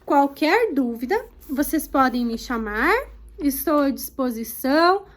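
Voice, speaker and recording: This is a Brazilian woman teaching young children in a recorded lesson, her voice sitting very high. She talks unhurriedly and leans on each example word, stretching it out syllable by syllable. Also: animated. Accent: Brazilian Portuguese. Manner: slow, drawn-out words spelled out syllable by syllable for children.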